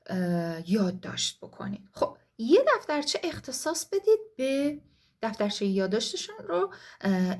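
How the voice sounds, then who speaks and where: Encouraging woman teaching a video lesson. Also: on the high side. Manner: encouraging, addresses viewers as kids and dear ones. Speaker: English teacher.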